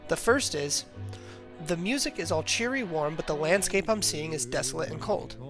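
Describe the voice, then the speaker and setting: A young man with a fairly high voice and lively intonation narrates a scripted video essay at normal speed, reading steadily from prepared text as a student presenting an analysis. Music plays underneath.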